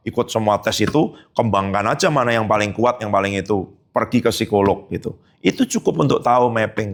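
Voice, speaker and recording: A male pastor giving a sermon in an animated, conversational way, with many tag phrases. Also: a little high, vocal fry, slightly rough.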